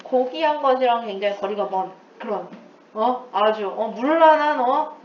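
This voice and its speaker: A woman's voice: a little high, expressive, moderate pace, far from the mic. A woman teacher giving an English lesson, explaining with playful asides and mixing in English terms. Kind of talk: recorded lecture. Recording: echoey room, away from the mic, dull lo-fi sound.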